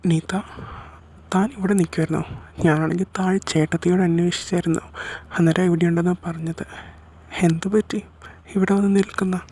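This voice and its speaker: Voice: mid-range voice, flat delivery, brisk, long pauses, a little mellow, no room sound. A speaker acting out dialogue in an audio drama story, in a casual, conversational way. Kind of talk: acted dialogue in a fan-fiction audio story.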